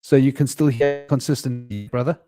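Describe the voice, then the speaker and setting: Man, mid-pitch, rambling panel guest on a choppy video call, audio glitching in and out. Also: brisk, over music. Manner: rambling, speculative, full of restarts. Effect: voice glitching, cutting in and out over a bad internet connection. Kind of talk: casual panel chat on a live video call.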